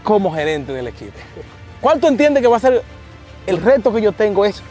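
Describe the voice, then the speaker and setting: Man, dominican accent, high voice, lively teasing host, ballfield interview, lapel mic. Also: fairly quick, faint music behind. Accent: Dominican Spanish. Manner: playful, teasing, animated. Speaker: sports reporter and host. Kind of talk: casual on-field interview. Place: outdoors at a baseball field.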